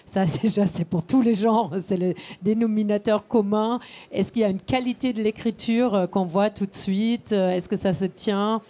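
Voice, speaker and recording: A woman's voice: mid-range voice, fairly even intonation, normal speed, warm tone. A woman speaking as a panelist, explaining her professional criteria in an unscripted way. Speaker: panelist, international film and TV distributor.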